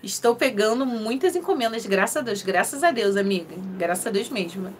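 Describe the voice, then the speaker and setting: A woman's voice: medium pitch, lively intonation, a little fast, husky. A woman with a Rio de Janeiro accent hosting a casual crochet live stream, chatting in a friendly way and laughing often as she greets viewers by name. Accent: Carioca (Rio de Janeiro) Portuguese. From Rio de Janeiro, Brazil.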